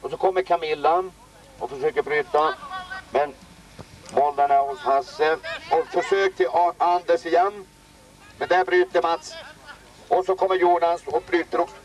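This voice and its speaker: A man's voice: fairly high pitch, distant mic. Man calling a local football match. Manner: excited calls, names players rapidly. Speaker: amateur match commentator. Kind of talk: live play-by-play commentary of a local football match. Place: outdoors at a football pitch.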